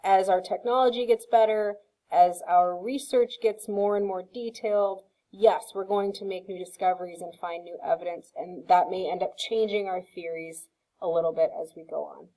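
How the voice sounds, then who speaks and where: Patient woman teacher with a mellow voice. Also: on the low side, fairly even intonation, normal speed, poor audio. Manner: patient, explanatory, frequent ums and okays. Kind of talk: recorded screen-share science lesson.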